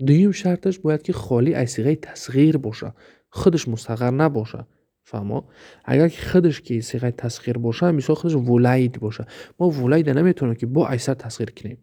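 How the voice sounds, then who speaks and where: A male teacher with a Tajik accent talks through a grammar lesson, going over each step with patient repetition and frequent checks that his listeners are following. His voice is gravelly and mellow, and his pitch sits in the middle. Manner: explains slowly, often asks "understood?" and repeats words. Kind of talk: recorded lesson.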